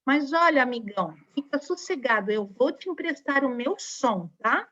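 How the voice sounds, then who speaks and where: Teacher doing friendly letter Z, Brazilian Portuguese accent, high voice, reassuring, slightly dull lo-fi sound. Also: female voice, lively intonation, normal speed, fairly bright tone. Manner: kind, reassuring, cheerful. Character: friendly letter Z comforting another letter. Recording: dull lo-fi recording.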